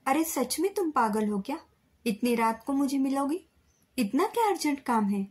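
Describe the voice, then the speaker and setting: A woman's voice: high voice, lively intonation, moderate pace, darkish tone, pitched above the performer's own voice. A woman voicing an older woman on the phone, talking snappishly in a raised voice. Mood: irritated. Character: older woman, irritable then tearful.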